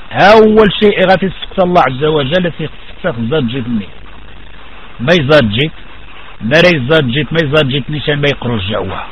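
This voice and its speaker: Male preacher, sermon delivery, high and very animated, emphatic rhetorical style. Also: a little hiss or hum, low-quality recording. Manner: rhetorical questions, sudden emphatic rises. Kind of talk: religious sermon.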